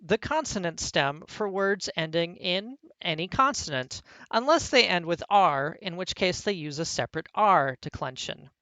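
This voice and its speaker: A speaker delivering a scripted parody lecture as a mock college professor, in a deadpan, mock-serious manner. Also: mid-range voice, moderate pace, few pauses, dry recording.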